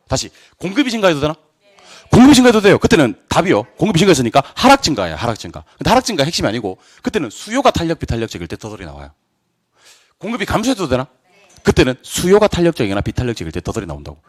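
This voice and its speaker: A middle-aged man giving a classroom lecture, drilling students with quick questions and answers and joking asides. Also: medium pitch. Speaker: real estate exam lecturer.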